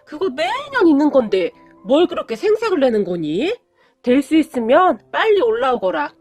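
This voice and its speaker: Brief: a condescending middle-aged would-be mother-in-law who nags and demands, put on by a female narrator; high, animated. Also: normal speed, soft background music. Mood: sneering. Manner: condescending, nagging.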